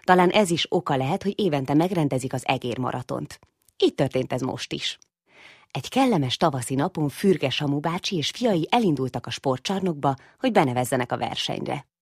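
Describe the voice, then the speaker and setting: Woman reading a kids story, really low voice, kinda husky. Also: lively intonation, darkish tone, dry recording, studio quality. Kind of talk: children's story narration.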